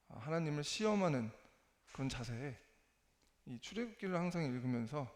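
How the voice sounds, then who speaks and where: A man giving a church testimony in Korean in a hesitant, self-deprecating and halting manner. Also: mid-range voice, a little mellow. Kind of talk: church testimony, spoken sermon. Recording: echoey hall with long reverb.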